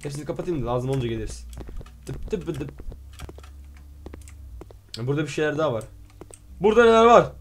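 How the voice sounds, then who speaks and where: Excitable man narrating his gameplay. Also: on the high side, fast, long pauses. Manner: excitable, exclaims and playfully swears at the game; reads game text aloud and translates it. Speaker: gaming video host. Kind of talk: let's play commentary.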